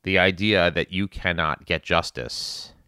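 Male, very low and clear voice, earnest commentary delivered in halting, emphatic phrases. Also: fairly even intonation, sharp tone, dry recording, studio quality. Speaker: spin class instructor. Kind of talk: earnest monologue on current events.

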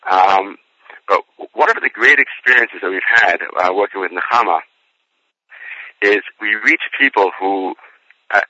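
An American man with a sore throat speaks as a radio guest in a very bright, forceful voice on the low side. He explains earnestly, one deliberate phrase at a time. It sounds like a dull phone connection. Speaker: radio guest, regional youth organization director. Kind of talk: interview answer, earnest explanation. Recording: lo-fi roomy internet phone line.

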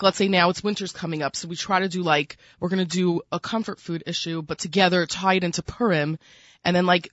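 A woman's voice: lowish voice, a bit bright, no echo, muffled recording. A woman with a Brooklyn accent talking casually as an interview guest, chatty and peppering her speech with "like" and "you know". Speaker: food magazine editor, interview guest.

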